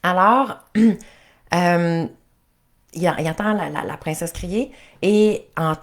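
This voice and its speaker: A woman coach with a Quebec French accent tells a fairy tale as part of a talk. She is chatty and animated, often restarting her phrases mid-thought. Her voice sits a little on the low side. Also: slow pace. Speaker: life and couples coach.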